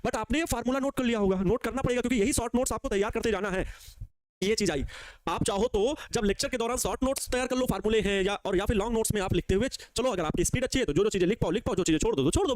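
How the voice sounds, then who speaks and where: Fast, high-voiced Hindi physics teacher. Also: male voice, dry recording, clean studio sound. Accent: Bihari Hindi. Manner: lively, voices student questions himself, coaxing. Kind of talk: live online class lecture.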